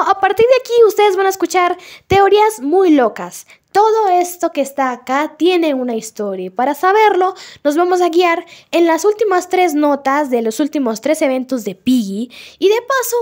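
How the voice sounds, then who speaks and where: A woman YouTuber giving chatty, jokey commentary on a game's story, retelling scenes with animated asides. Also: sits high. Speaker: gaming YouTuber. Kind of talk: game story analysis commentary.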